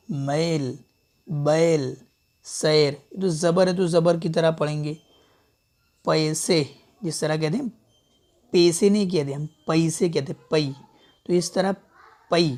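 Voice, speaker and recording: A man's voice: fairly high pitch, a little mellow. A man teaching an Urdu lesson, patiently contrasting wrong and right pronunciations and repeating words for learners. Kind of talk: online language lesson. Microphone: small clip-on mic.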